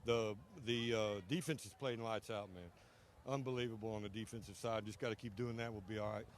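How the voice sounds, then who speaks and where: A man's voice: on the low side, fairly even intonation, a little fast. A man, a football coach, giving a plain colloquial interview outdoors on the sideline. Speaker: high school football head coach. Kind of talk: brief on-field halftime interview. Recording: faint outdoor stadium noise.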